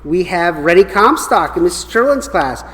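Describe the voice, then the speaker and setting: A man's voice: high voice, very animated, moderate pace, a bit bright. American man giving announcements in an echoing hall. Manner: encouraging, addressing children directly. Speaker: school principal or staff announcer. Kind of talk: school morning announcements, reading student awards. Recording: reverberant hall with background noise.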